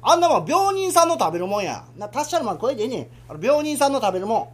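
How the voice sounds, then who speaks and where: Man doing a gruff, stingy Kansai father. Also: very high voice, big pitch swings, very fast, exaggerated voice. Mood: grumbling. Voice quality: gruff, scolding. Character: grumpy stingy middle-aged father. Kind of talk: rakugo storytelling.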